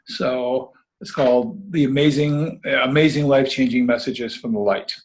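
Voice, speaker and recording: A man's voice: medium pitch, steady tone, normal speed, rough recording. A man speaking as a guest author in a casual spiritual interview, meandering and folksy, calling listeners babies and kiddies.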